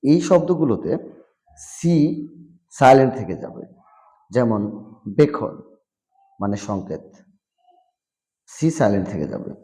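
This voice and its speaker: A man teaching English vocabulary in a slow classroom style, repeating each word and its meaning and slipping into English phrases. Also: mid-range voice, big pitch swings, mellow. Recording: long hall reverb.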